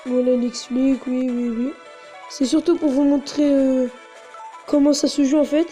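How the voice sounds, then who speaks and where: A woman's voice: high voice, level tone, normal speed, mellow, faint music behind. A woman narrating a casual step-by-step tutorial in a chatty way, with many fillers. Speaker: tutorial host.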